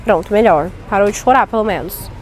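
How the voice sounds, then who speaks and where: A woman filming a casual vlog on her phone in a supermarket aisle, talking excitedly with playful mock alarm. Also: mid-range voice, brisk. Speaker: mother filming a family outing. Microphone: handheld phone camera. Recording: noisy store ambience.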